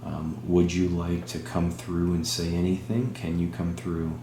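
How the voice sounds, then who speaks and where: A man hosting a spirit box session, speaking in halting short phrases and putting questions to a spirit. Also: low-pitched, little pitch movement. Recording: roomy echo with humming background noise.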